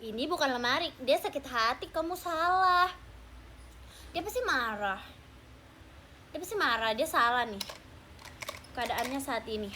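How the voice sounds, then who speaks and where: Teen girl livestream host, high pitched, playful teasing chatter with fans. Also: animated, a little slow, long pauses, bright, forceful tone, slight background noise. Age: teens. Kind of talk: casual livestream chat with viewers. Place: at home at night, keeping voice down.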